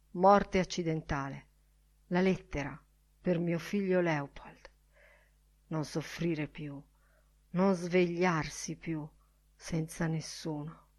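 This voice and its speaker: A woman narrating a literary audiobook with a calm, varied delivery. Her voice sits slightly low for a woman.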